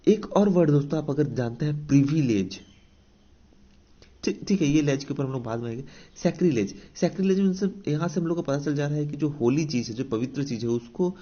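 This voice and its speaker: Husky Indian male vocabulary teacher. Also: fairly high pitch, warm tone, highs cut off. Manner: explains with repetition and rhetorical questions; mixes English definitions into Hindi speech. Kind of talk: exam coaching lesson.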